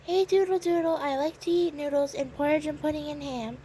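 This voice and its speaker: A woman voicing a small male dormouse with a squeaky voice, reciting a rhyme. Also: fairly even intonation, fairly quick, warm tone, slight background noise, close to an everyday voice. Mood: singsong.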